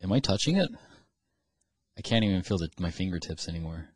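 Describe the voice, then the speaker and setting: Podcast co-host: low, husky man, animated joker, dry room. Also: a little fast, dry recording. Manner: joking, laughs often. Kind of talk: casual banter.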